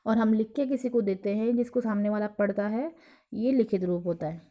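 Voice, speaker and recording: A woman teacher giving a recorded lesson, explaining slowly and acting out examples. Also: medium pitch, mellow. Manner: slow, explanatory, acts out examples. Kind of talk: recorded lecture on teaching Hindi.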